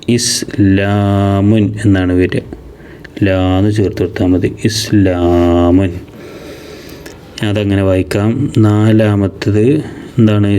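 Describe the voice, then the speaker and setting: A man with a Malayali accent teaching a children's reading lesson for an exam. He reads each word slowly and drawn out, then explains it more quickly. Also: fairly low pitch, warm tone, smooth. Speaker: madrasa teacher.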